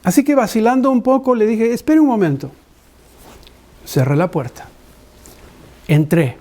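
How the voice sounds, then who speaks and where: Animated male pastor telling a story. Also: high-pitched, measured pace. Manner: animated storyteller who acts out dialogue. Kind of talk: sermon with personal storytelling.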